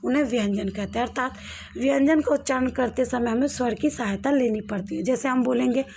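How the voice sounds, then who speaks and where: A woman teacher giving a classroom grammar lesson, slowly sounding out each letter and speaking directly to her students. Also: fairly high pitch, vocal fry, darkish tone, slight background noise. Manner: slow, demonstrates each sound aloud.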